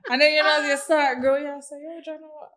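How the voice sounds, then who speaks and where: Bright high woman. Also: flat delivery, quick pace. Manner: chiming in with short quips. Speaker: guest. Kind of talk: casual chat.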